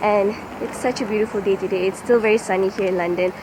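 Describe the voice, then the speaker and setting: A young woman, talking to a handheld camera outdoors in a bubbly, excitable way. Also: mid-range voice, fast talker, noisy background. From Malaysia. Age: 20s. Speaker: vlogger. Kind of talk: vlogging on the go. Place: outdoors in a city and park. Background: music.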